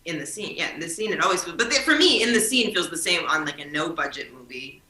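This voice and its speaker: An American actress chatting casually and upbeat as a podcast guest, with many "like"s. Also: female voice, low-pitched, animated, fast, bright, forceful tone. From United States. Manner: chatty, upbeat, heavy use of "like". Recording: roomy echo.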